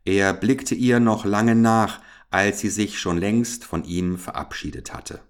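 A man narrates an old children's fairy tale with a calm, measured storytelling delivery. His voice sits fairly low, and the text is read in a steady, scripted way.

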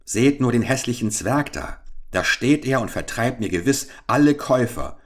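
A man's voice: on the low side, expressive, slow pace, exaggerated voice. A man voicing an angry middle-aged market woman who scolds and shoos someone away, in a storybook reading. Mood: indignant mocking. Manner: scolding, indignant.

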